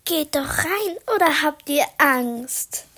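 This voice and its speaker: A woman doing a shrill jeering schoolgirl bully. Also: expressive, slow pace, bright, forceful tone, heavily acted. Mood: taunting. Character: mocking taunting schoolgirl bully.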